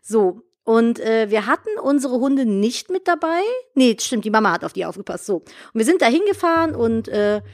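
A woman's voice: fairly high pitch, animated, normal speed, hardly any pauses. A woman in her early thirties co-hosting a casual podcast, bantering emphatically in colloquial speech. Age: early 30s. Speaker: podcast co-host. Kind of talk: casual chat.

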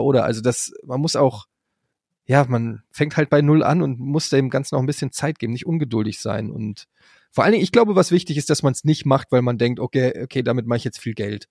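A man's voice: mid-range voice, vocal fry, darkish tone, no room sound, clean studio sound. A man co-hosting a podcast in casual chat, rambling with many fillers and restarts. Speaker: podcast co-host.

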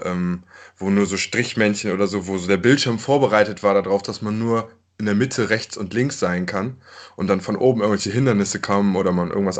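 A man's voice: on the low side, fairly bright tone. A man in his late twenties who co-hosts a casual podcast chat, rambling and searching for words. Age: 20s. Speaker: podcast co-host.

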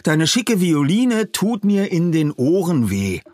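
A man's voice: a little high, very animated, slow pace, a little mellow, no room sound, studio quality, pitched above the performer's own voice. A man voicing an earnest teenage boy detective who explains in a hurry.

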